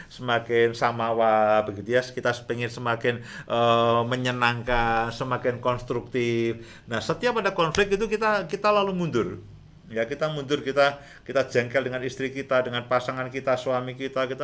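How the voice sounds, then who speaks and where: A middle-aged man hosting a relaxed talk on marriage, chatty and repeating his points with frequent chuckles. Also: medium pitch. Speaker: host, marriage counselor.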